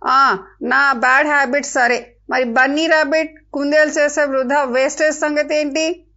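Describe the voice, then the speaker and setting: A woman's voice: sits high, steady tone, unhurried, gravelly, sharp tone, voice pushed up, heavily acted. A woman voicing a grumpy garden animal who talks back in an accusing, indignant way. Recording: dull lo-fi with faint music.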